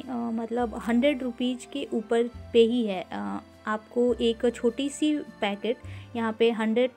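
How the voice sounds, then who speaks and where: A vlogger films a grocery store tour on a handheld phone, walking through at an unhurried, casual pace. Her voice is fairly high and warm, and she mixes English words into her talk along with frequent "uh" fillers.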